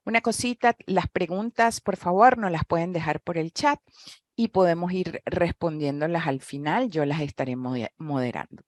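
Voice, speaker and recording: A woman's voice: sits low, darkish tone, no echo. A woman hosting and moderating a webinar, introducing the course formally with frequent hesitant fillers.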